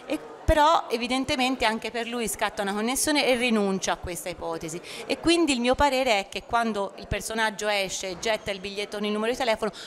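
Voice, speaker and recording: A woman's voice: fairly high pitch, quick pace, few pauses. A woman working as an interpreter, relaying speech in a hesitant way, piecing her sentences together as she goes. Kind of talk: spoken consecutive interpreting.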